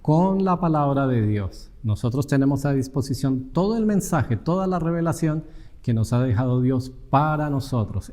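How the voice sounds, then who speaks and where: A man's voice: medium pitch, dark tone, in a large hall. A man preaching a sermon in an earnest teaching tone, asking the congregation rhetorical questions.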